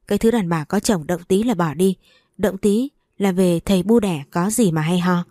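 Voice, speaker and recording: A wealthy middle-aged mother-in-law who sounds sweet yet cutting, voiced by a woman reading the story. Her voice is low and mellow. It is recorded close and dry. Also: moderate pace, dry recording, natural voice. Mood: scolding.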